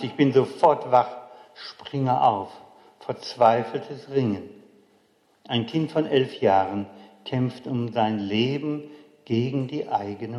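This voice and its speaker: Older man telling a slow, solemn memoir. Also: medium pitch, warm tone. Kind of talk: memoir storytelling. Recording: dull, echoey hall recording.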